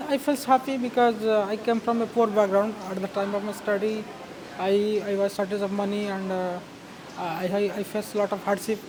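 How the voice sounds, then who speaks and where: Flat-voiced Indian man at a noisy event. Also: sits high, moderate pace, crowd noise. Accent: Indian English. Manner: hesitant, many fillers. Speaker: award winner, engineer.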